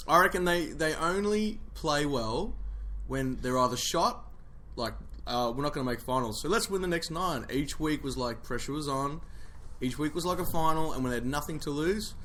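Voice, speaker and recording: A man's voice: fairly high pitch, animated, moderate pace, a bit bright. An Australian man co-hosting a casual chat, rambling and opinionated, arguing his point in restarts. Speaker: podcast co-host.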